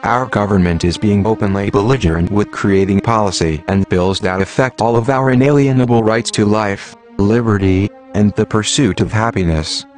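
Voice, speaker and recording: Disguised low computer-generated male voice. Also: normal speed, hardly any pauses, soft background music. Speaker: anonymous announcer. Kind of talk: scripted manifesto reading.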